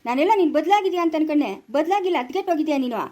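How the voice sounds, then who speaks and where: A woman playing a stern mother who scolds and orders her daughter to keep quiet, speaking in a rural Karnataka Kannada accent in an amateur family drama. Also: high voice, animated, very fast. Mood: scolding. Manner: scolding, sharp commands.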